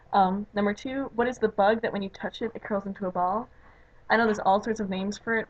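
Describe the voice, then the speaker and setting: A woman's voice: medium pitch, phone-quality sound. A woman from the Chicago suburbs chatting in a casual vlog and reading out a word list, rambling with lots of fillers. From Chicago suburbs, US Midwest. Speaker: vlogger.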